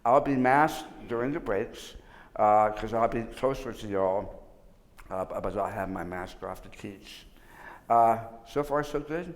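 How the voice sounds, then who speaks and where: A man's voice: on the low side, measured pace. A man giving a conversational workshop lecture. He pronounces words a little unusually because of past tongue surgery, restarts his sentences often, and jokes dryly about himself. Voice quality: slightly unusual articulation after tongue surgery. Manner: informal, restarts often, dry self-mocking humor. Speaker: workshop presenter. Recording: long hall reverb.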